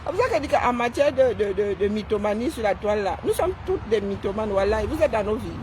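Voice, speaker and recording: A woman talks on a live stream from her seat, mid-pitched and scornful. She mocks her targets and keeps tossing in "hein?". A faint hum of passing traffic sits behind her. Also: animated, quick pace, a little mellow. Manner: sarcastic, mocking, keeps asking "hein?". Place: seated indoors.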